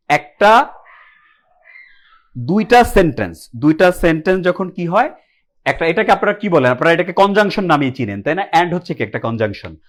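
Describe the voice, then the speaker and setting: Young guy teaching english grammar live online, high voice, keeps asking the class then answering himself. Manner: asks the class questions and answers them himself; mixes English words into his speech.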